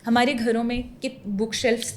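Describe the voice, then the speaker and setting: Podcast guest: woman from Pakistan, slightly high voice, animated talk, faint background noise. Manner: animated, mixes English into speech, often checks agreement. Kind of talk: casual chat.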